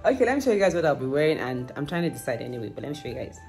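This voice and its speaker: Speaking rapid-fire and very animated, the young Nigerian-accented vlogger uses a deep, darkish voice over soft background music. She's indoors in hotel rooms, talking casually and expressively to her travel vlog on a phone held at arm's length.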